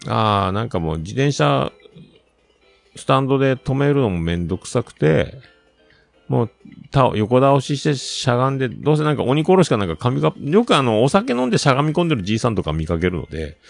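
A man talking casually on his own, telling a rambling story with lots of filler words and animated retelling. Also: mid-range voice, gravelly, dry recording. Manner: chatty, animated, with many fillers.

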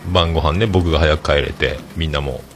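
A man's voice: extremely low pitch, fairly even intonation, brisk, fairly bright tone, faint music behind. A man, hosting a casual podcast monologue, rambling through stories with many filler sounds. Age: 40s. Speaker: podcast host. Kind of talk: casual podcast monologue reading listener comments.

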